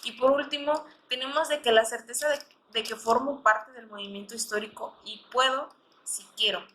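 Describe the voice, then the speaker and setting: A woman with a fairly high, bright voice reads out a formal academic text. She is a panelist who now and then stumbles as she reads, with faint noise behind her. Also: steady tone, moderate pace. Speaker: panelist, history teacher. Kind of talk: reading a prepared academic text.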